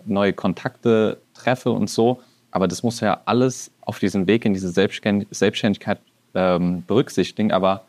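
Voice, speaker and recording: A man in his twenties co-hosting a podcast, talking in a relaxed, colloquial way. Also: on the low side. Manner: relaxed, colloquial, often says "Junge". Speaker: podcast co-host. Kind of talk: casual podcast chat.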